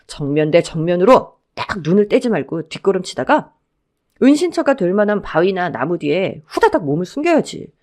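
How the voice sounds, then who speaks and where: A woman voicing a young husband who patiently explains how to survive wild animals, calm and protective. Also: on the low side, normal speed. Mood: instructive. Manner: patient, instructive.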